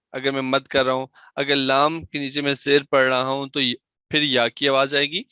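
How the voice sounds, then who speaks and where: A man's voice: medium pitch, bright, forceful tone, smooth, no room sound, highs cut off. A man teaching Quran recitation in a recorded lesson, explaining patiently, asking questions and answering them himself, and sounding out example syllables.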